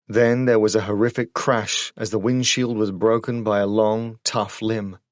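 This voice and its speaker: A man's voice: on the low side, flat delivery, measured pace, no room sound. Man narrating a horror audiobook, dry studio sound.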